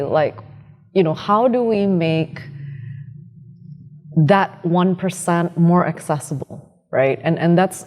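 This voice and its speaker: A woman hosts an interview in a low, mellow voice. She asks long, winding questions and keeps ending them with "right?" and other fillers. A long reverb follows her words. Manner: frequent "right?" tags and fillers. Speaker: company CEO hosting the interview.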